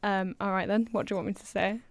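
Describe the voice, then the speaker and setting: A young Yorkshire woman in her twenties chats on a podcast, quick to joke at her own expense. Her voice is smooth and clear at a middle pitch, recorded close and dry with no room sound. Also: little pitch movement, dry recording. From Yorkshire, England. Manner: chatty, playful, self-mocking. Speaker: podcast co-host. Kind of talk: casual chat.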